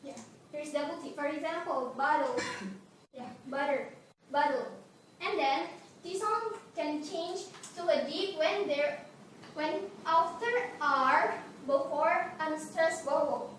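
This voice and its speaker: A seventeen-year-old girl from Indonesia giving a classroom presentation, halting with many fillers and restarts. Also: sits high, a bit bright. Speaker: student presenter. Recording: echoey room, noisy, far from mic.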